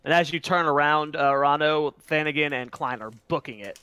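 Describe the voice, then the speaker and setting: A man's voice: a little high, normal speed, bright, forceful tone, clear, resonant tone, no echo. A man running a tabletop game, narrating casually and improvising as game master.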